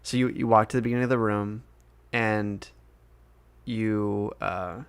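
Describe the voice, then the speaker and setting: A game master narrating a tabletop game in an unhurried, casual way. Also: medium pitch, steady tone, clear, resonant tone, dry recording.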